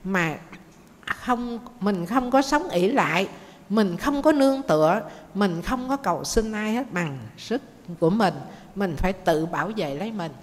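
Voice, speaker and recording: A woman voicing a wise, patient mother snail who reassures her child gently. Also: fairly low pitch, animated, measured pace. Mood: firm. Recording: faint noise, long hall reverb.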